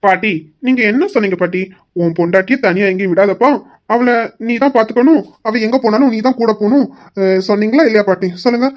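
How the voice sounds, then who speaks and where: Speaking at medium pitch with a slightly dark, everyday sound, a woman takes on the role of a young husband. He's teasing and stubborn, ribbing his wife with fake sweetness and stretching out his pleas to come along.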